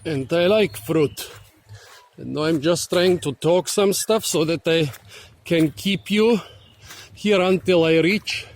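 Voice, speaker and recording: A man talking casually while walking through a garden outdoors, out of breath and thinking aloud with pauses. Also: on the high side. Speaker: vlogger. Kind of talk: casual walking vlog narration. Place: outdoors in a tropical botanic garden.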